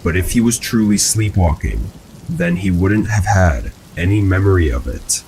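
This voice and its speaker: A man narrating first-person horror stories in a calm, even, scripted storytelling manner. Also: low-pitched, moderate pace, a little hiss or hum, poor audio. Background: rain sounds.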